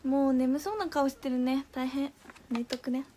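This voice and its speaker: There's a little hiss or hum as a young woman with a high voice hosts a live stream. Playful and prone to giggles, she reads viewers' comments out and answers them casually and chattily.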